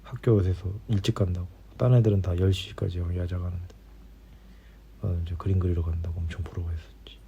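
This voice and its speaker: This is casual bedtime talk between spouses, captured on a dull lo-fi home recording. The middle-aged man has a low, husky, warm voice and speaks fairly quickly with a flat delivery, rambling in an easygoing way like a podcast host before sleep.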